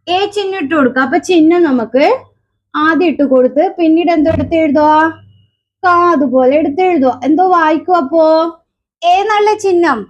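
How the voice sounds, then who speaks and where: A woman with a Keralan Malayalam accent teaching children letters. She asks question after question, answers them herself, and sounds out letters slowly. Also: extremely high pitch, highs cut off. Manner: slow, drawn-out sounding of letters. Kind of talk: children's alphabet lesson.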